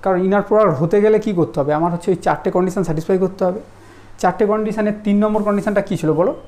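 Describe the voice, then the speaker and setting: A man teaching a math lesson in a relaxed classroom style, often asking whether students follow. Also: high voice, fast talker. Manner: conversational, checks understanding often.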